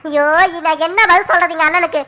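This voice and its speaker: A woman's voice: extremely high pitch, steady tone, fast, bright, forceful tone. A woman voicing a fretful middle-aged village mother in a cartoon, scolding and fussing with frequent exclamations. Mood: worried. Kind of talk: cartoon voice acting.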